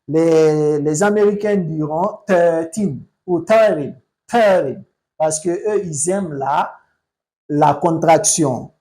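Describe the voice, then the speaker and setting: Slow, mellow English teacher. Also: medium pitch, rough recording. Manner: slow and deliberate, repeats words for pronunciation. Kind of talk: slow spoken language lesson.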